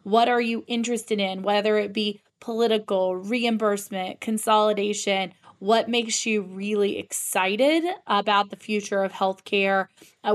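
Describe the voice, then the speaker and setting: Female interview host, mid-range voice, flat even intonation, polite, professional. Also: mid-range voice. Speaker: podcast host. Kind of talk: interview hosting.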